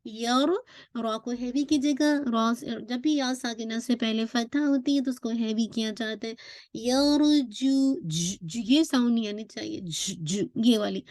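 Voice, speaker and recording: Patient female tajweed teacher, slightly high voice, dry close recording, demonstrates each sound. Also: darkish tone, dry recording. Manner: patient, explanatory, demonstrates sounds by repeating them. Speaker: Quran recitation teacher. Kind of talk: tajweed and grammar lesson.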